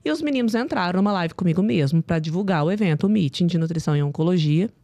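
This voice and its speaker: A woman, a nutritionist guest on a podcast, telling a story in animated casual chat and acting out the dialogue. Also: on the low side, fast, no room sound. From Brazil. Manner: animated, acts out quoted dialogue.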